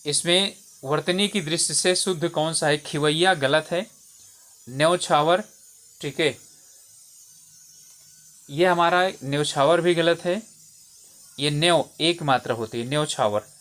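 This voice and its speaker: Guy tutoring for a hindi exam, slightly high voice, goes through spelling questions one by one, keeps saying theek hai. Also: measured pace, pauses often, a bit bright. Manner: explains step by step, repeats words and says "theek hai" often.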